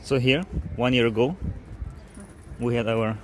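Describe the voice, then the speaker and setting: A man's voice: medium pitch, steady tone, a little slow. A man casually chatting to viewers in an upbeat travel vlog, filmed outdoors in a seaside town. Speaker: travel vlogger. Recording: outdoor street noise.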